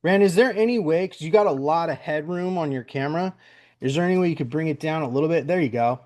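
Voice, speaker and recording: A man's voice: a little high, quick pace, darkish tone. A man hosting a podcast interview in a casual, rambling way, with lots of fillers and repeated words. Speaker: podcast host.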